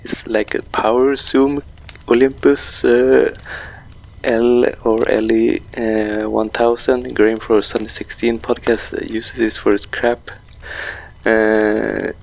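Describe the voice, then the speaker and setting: A man leaving a casual, halting voicemail, full of fillers, played back from an answering machine over a landline. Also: medium pitch, little pitch movement, vocal fry, darkish tone. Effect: voicemail message played back over a landline answering machine. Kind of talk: casual rambling message.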